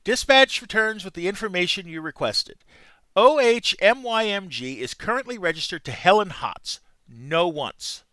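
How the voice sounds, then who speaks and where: A man playing through an old video game, reading the on-screen text aloud in between casual muttered asides. His voice is high and lively, with a bright edge. It is recorded close and dry. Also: moderate pace, no echo. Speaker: gameplay commentator.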